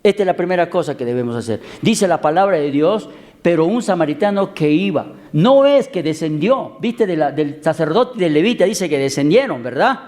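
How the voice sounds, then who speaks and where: A pastor delivers a sermon in a fairly high male voice. He preaches with drama, jumping up in pitch and volume to stress a point and drawing words out slowly. When he tells a story he acts out the voices himself. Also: animated. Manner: dramatic preaching, swings loud and high for emphasis, slows words.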